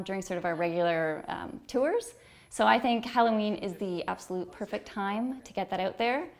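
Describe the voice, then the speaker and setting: A woman giving an informal interview as a tour director, conversational and enthusiastic. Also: a little high.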